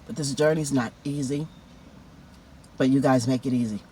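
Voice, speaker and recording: A man's voice: mid-range voice, fairly even intonation, normal speed, dark tone, a little hiss or hum. A man chatting casually in a food mukbang vlog, heartfelt and talkative, lingering over each item. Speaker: food vlogger.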